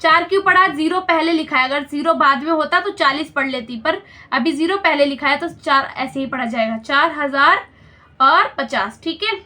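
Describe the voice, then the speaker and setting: A woman's voice: high-pitched, normal speed, pushed and bright. A woman teaching a school maths lesson step by step, patiently explaining and checking understanding with questions.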